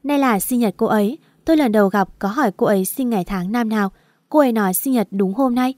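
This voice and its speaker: A woman voicing an older female housekeeper who speaks gently and persuasively. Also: a little high, fast talker, dry recording, studio quality, natural voice. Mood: coaxing.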